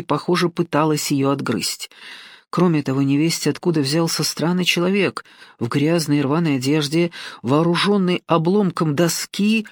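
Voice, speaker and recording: Woman, audiobook narrator, scripted storytelling, even pace, wry asides, dry close recording. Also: low voice, no room sound.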